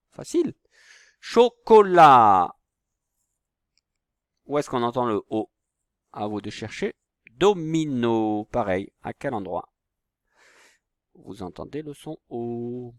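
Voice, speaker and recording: A man's voice: medium pitch, no room sound, clean studio sound. A man teaching a phonics lesson to young children, patient and stretching out each word. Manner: slow, patient, stretches words out.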